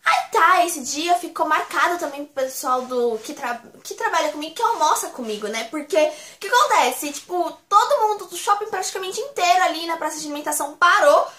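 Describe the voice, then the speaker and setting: A young woman from Brazil with a Brazilian Portuguese accent, chatting to camera as a vlogger in a gushing, excitable way, repeating words for emphasis. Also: very high voice, brisk, hardly any pauses, roomy sound. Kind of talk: casual chat to camera.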